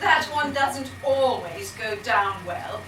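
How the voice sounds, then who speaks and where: A woman's voice: on the high side, animated, takes it slowly. A woman playing a bossy, exasperated royal bride in broad, theatrical amateur pantomime style. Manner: imperious, theatrical, scolding. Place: hall stage, distant microphone, audience behind. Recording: echoey stage from far off, audience noise.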